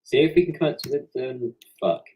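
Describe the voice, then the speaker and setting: A man's voice: mid-range voice, expressive, quick pace, background noise. A young man at a casual line-reading session for a fan dub, joking, swearing and fumbling his lines. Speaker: fan voice actor.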